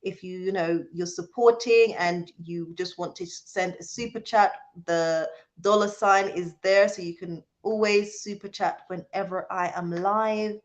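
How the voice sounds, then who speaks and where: Speaking at a measured pace with a steady tone and a lowish voice, this livestream host reads viewer comments aloud during a casual live chat. Born in Jamaica and raised in the UK, she is British and addresses her audience earnestly and emphatically.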